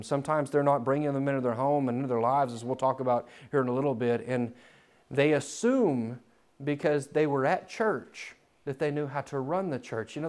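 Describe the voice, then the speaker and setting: A man preaching a sermon in a church, swinging from loud, climbing emphasis to quiet, low asides.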